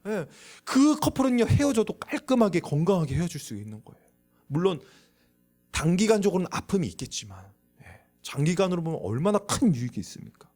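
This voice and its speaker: A youth pastor's high voice moves fairly quickly over soft background music as he preaches a youth sermon in a church sanctuary. Lively in manner, he asks the audience questions and voices quoted characters.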